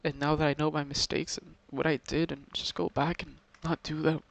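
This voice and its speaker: A young man in an emotional confessional vlog, talking to his subscribers in a halting way with many pauses and restarts, upset, sighing and close to tears. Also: a little high, little pitch movement, creaky. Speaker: video creator talking to subscribers.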